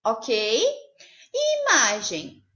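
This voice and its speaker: A woman teaching a remote primary class, speaking in slow, sing-song teacherly phrases and spelling out words syllable by syllable. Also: fairly high pitch, wildly swooping pitch, sharp tone, dull audio.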